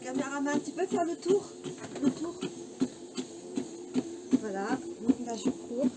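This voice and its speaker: Woman, high pitch, breathless casual workout vlog, distant mic in a noisy room. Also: lively intonation, takes it slowly. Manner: chatty, filmed mid-exercise, filler-heavy. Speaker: fitness vlogger. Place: home.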